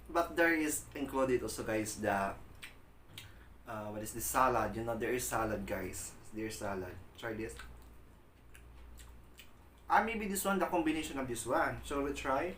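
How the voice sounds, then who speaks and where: Casting: Filipino male mukbang vlogger, Tagalog native, slow casual exclaiming chat while eating crunchy fried chicken, roomy echo. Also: mid-range voice, fairly bright tone. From Philippines. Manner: exclaiming, repetitive praise of food in simple English. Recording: echoey room, faint background noise.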